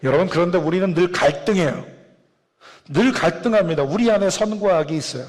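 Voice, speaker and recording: Emphatic male pastor, sermon delivery. High voice, long church reverb. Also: fairly quick, a little mellow. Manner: emphatic, preaching with rising fervor. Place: church sanctuary.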